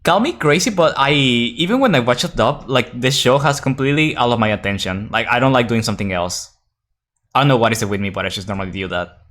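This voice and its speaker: A young man with a medium-pitched, slightly bright voice streams a game, talking fast and animatedly. He chats casually with viewers and reads the game's text aloud, rambling, restarting sentences, and swearing now and then.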